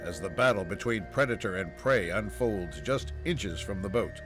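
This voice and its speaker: A man's voice: sits low, animated, moderate pace. A man reading dramatic scripted narration in the style of a nature documentary, as the narrator. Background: background music.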